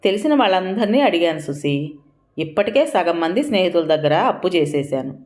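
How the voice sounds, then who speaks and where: A woman's voice: lowish voice, sing-song, a little fast, darkish tone. A woman voicing a tired, dejected poor husband who speaks wearily. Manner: weary, downcast.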